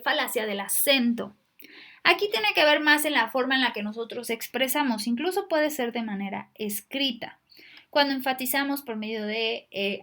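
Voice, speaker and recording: High-voiced woman explaining logic. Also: a bit bright. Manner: explanatory, thinks aloud with fillers and rhetorical questions. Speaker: teacher. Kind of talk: recorded lecture on logic.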